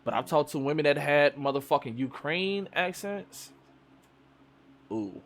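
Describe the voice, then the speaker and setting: Animated, profane Chicago man. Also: fairly high pitch, a little slow. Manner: loose, profane, animated storytelling. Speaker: streamer host. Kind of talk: casual chat. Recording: live stream chat.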